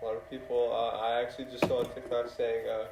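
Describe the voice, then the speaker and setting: A man's voice: medium pitch, completely flat delivery, quick pace, vocal fry, background noise. Laid-back man on an echoey distant mic. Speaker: podcast co-host. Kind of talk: casual chat.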